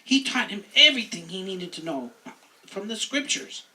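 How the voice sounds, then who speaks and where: A woman's voice: medium pitch, expressive, normal speed, bright, forceful tone, far from the mic, rough recording. A woman narrating a story for an amateur puppet show. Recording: recorded away from the mic.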